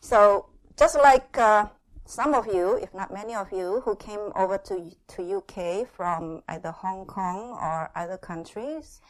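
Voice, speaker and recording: A middle-aged Indonesian woman with a medium-pitched voice gives her testimony as a guest speaker at church. She speaks in short, unhurried phrases, pausing often for an interpreter, with frequent "uh" and "yeah" and light laughter.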